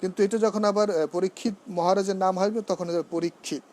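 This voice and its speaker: A man teaching a seminar lecture on pronunciation, who drills words slowly and asks and answers his own questions. He is earnest and grows emphatic when he corrects usage. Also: high voice, steady tone, a little mellow.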